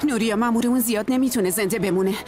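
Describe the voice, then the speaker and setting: A woman's voice: on the high side, darkish tone, natural voice. A woman voicing a tense female police partner speaking urgently. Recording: music score underneath.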